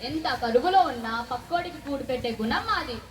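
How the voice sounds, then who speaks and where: A woman's voice: high voice, lively intonation, fast talker, reverberant. A woman with a Rayalaseema Telugu accent, firmly proud in a comedy skit.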